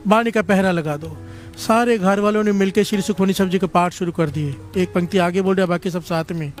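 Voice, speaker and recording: A man's voice: sits high, brisk, faint music behind. A man preaching a Sikh storytelling sermon, calling the congregation to answer back again and again. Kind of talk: storytelling sermon with call-and-response.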